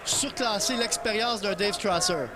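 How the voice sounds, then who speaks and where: A man's voice: sits high, a little slow, over a noisy crowd, very noisy. A man co-commentating on a fight, giving facts and play-by-play. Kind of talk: live sports commentary, factual statistics and play-by-play.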